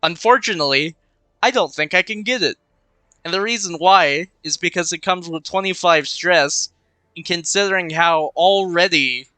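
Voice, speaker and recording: A young man rambles through a casual let's-play, muttering to himself as he weighs his choices, his voice slightly congested. It sits a little high and sounds pushed and bright. The recording is dry and low-quality, made on a cheap desk microphone.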